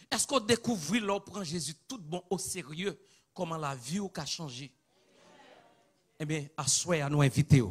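A man with a Haitian accent preaching a sermon, swinging from hushed asides to chanted, shouted climaxes. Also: a little high, husky.

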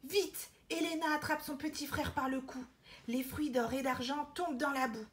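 A woman reading a children's picture book aloud with lively expression, dropping to soft whispers in quiet passages. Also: sits high, normal speed.

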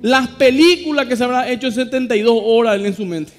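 A man's voice: extremely high pitch, fast talker. A middle-aged man with a Paraguayan Spanish accent, preaching an emphatic sermon to his congregation and reading scripture aloud. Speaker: pastor. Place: church. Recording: long hall reverb with faint guitar music.

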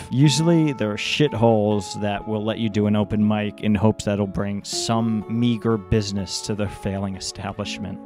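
Young comedian guy, lowish voice, dry storytelling into a handheld mic, music playing under it. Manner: dry, matter-of-fact storytelling. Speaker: stand-up comedian. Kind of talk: vlog narration. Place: small club stage with poster wall. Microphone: handheld stage mic. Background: background music.

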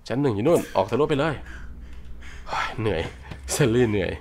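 A man's voice: on the low side, lively intonation, moderate pace, darkish tone, slight background noise. A Thai man talking through a horror game, chatty, repeating words and reading game text aloud. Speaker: game streamer. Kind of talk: let's play commentary. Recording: voice over game music. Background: game music.

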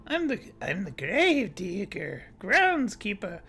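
A woman voicing a gruff old male groundskeeper, speaking in a slow, low drawl. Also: very animated, a bit bright, heavily acted. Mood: laconic.

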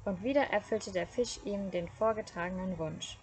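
A woman reads a fairy tale aloud for an evening session. Her voice sits at a middle pitch, and her delivery is calm and steady, with the occasional small self-correction. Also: moderate pace.

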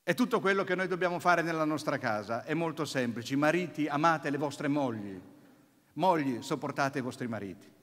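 A man's voice: a little high, normal speed, fairly bright tone. A male Italian preacher giving a sermon, telling a personal testimony and acting out family dialogue. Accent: Italian, Neapolitan region. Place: church. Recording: church hall reverb.

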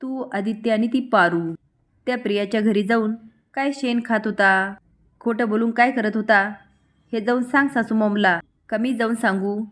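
A woman's voice: fairly high pitch, moderate pace, close to an everyday voice. A woman voicing a spoiled, scheming young woman who scolds and taunts. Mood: angry taunting.

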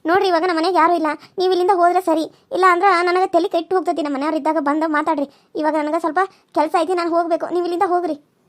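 A woman's voice: very high voice, fairly even intonation, racing. A woman voicing a frightened young married village woman in a cartoon serial, pleading through tears. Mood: anxious. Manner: tearful pleading.

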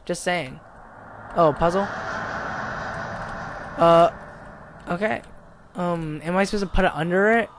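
A man's voice: sits high, unhurried, pauses often, noisy background. A young man commenting on a horror game as he plays, reading its text aloud and yelping and cursing when startled. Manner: jumpy, yelps and curses when startled. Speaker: gameplay commentator.

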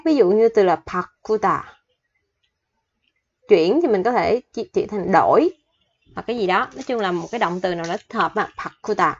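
A woman teaching Korean vocabulary, patiently slowing down to spell out the grammar and pronunciation rules. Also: medium pitch, dull audio. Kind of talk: explaining vocabulary lesson.

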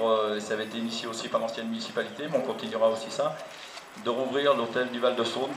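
Male official speaking in an echoey square. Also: mid-range voice. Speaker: local elected official. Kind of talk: semi-improvised public speech. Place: open town square outdoors. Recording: echoey, noisy outdoor recording.

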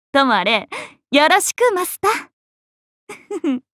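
High, animated young swordswoman, Miyamoto Musashi. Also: very slow, dry recording, studio quality, exaggerated voice. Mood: musing, teasing. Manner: playful, expressive, swinging between teasing and flustered. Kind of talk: Japanese anime-style mobile game character acting.

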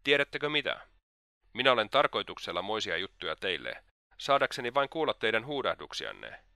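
A man's voice: on the low side, big pitch swings, vocal fry, sharp tone, no room sound, clean studio sound, heavily acted. A man voicing Svidrigailov, a sly, mocking old libertine who is slightly drunk.

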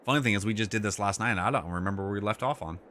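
A man's voice: fairly low pitch, very fast, fairly bright tone, a little hiss or hum. A man hosting a casual live gaming stream, laid-back, thinking aloud and laughing often. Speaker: livestream host playing a farming game.

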